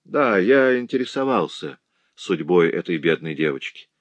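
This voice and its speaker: Casting: a man as a composed, kindly gentleman, low and measured, dry close recording. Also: big pitch swings, dry recording, highs cut off. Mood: surprised. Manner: measured, reassuring. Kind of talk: audiobook character voice.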